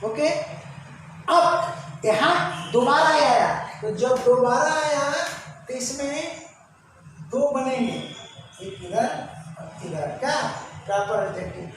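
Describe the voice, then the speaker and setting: A man's voice: extremely high pitch, lively intonation, takes it slowly, pauses often, a bit bright. A man teaching a grammar lesson, asking short questions and answering them himself, repeating each answer. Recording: echoey room, distant mic, background noise.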